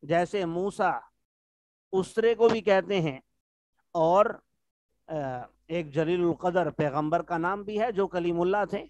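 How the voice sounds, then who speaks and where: Male teacher, online lesson, patient explainer, a bit high-pitched, dry close sound. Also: long pauses, a little mellow, dry recording. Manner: explains words patiently, asks students if they follow. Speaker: teacher of Arabic texts.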